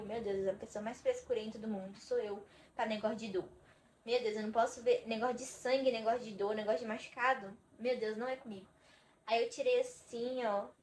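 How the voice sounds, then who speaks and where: A young Brazilian woman vlogs to camera in a chatty, dramatic way, swearing to her viewers that every word is true. Her voice sits fairly high. A faint background hiss runs under the recording. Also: a little mellow, rough recording. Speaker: vlogger. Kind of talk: casual chat to camera.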